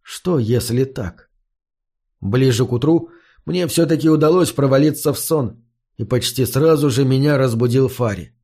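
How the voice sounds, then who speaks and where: A man narrating a first-person fantasy audiobook in a measured, somber storytelling manner. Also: medium pitch, a little mellow.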